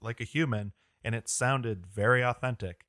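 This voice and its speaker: A man's voice: mid-range voice, moderate pace, fairly bright tone, no echo, clean studio sound. Joking man co-hosting a podcast. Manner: joking, asks leading questions. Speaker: podcast co-host. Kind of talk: casual conversational discussion.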